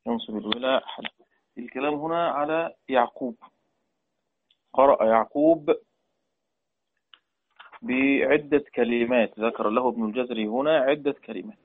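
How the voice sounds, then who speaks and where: A man with an Egyptian accent teaching Quran readings. He explains slowly, chants the quoted verses and puts questions to his pupils. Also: medium pitch, slight background noise. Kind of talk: religious lesson. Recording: tinny phone-like audio.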